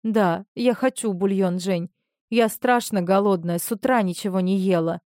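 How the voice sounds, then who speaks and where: A manipulative young woman who fakes helplessness, as a woman reader puts her on. She pleads in a raised, plaintive voice, pushing each line louder and higher than the narration. It is a dry storybook reading. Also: normal speed, no echo, lightly acted.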